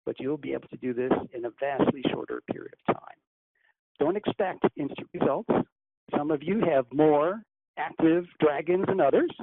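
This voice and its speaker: A man leading a guided breathing meditation as a channeler on a group call, speaking in a measured, commanding, instructive way. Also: fairly high pitch. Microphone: conference call phone. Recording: tinny phone line with faint hiss.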